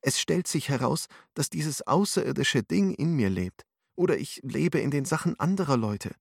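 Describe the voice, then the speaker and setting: A man's voice: mid-range voice, expressive, normal speed, gravelly, husky, dry recording, clean studio sound, pitched above the performer's own voice. A man voicing a frightened, confused young man who asks anxious, searching questions, in an audiobook. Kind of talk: audiobook narration.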